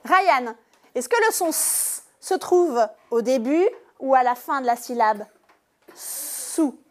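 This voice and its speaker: A woman teacher giving a lesson to young pupils in a classroom, speaking slowly and clearly and stressing each syllable. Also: high voice, expressive, darkish tone. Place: primary school classroom.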